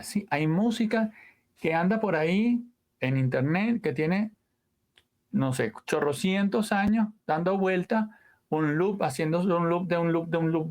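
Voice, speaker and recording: In a laid-back interview, a man who works as an audio engineer shares anecdotes as a guest. His slightly high voice is animated, filled with sound words and asides that trail away.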